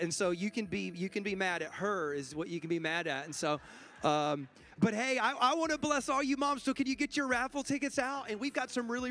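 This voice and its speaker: A man's voice: sits high, a bit bright. A man, a pastor joking playfully with his congregation while he runs a raffle from the church stage. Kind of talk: church service announcements and raffle.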